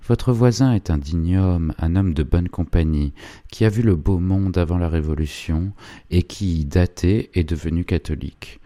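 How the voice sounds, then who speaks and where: A man voicing an old village priest with a gently insinuating, persuasive manner, in an audiobook reading. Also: sits low, normal speed, dry recording, natural voice. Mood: coaxing.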